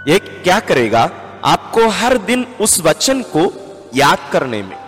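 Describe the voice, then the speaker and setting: Man, priest, instructive sermon, fairly high voice, faint music behind. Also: very animated, slow, a bit bright. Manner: earnest, instructive, counts out numbered points. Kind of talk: sermon-style teaching talk. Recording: long hall reverb with faint music.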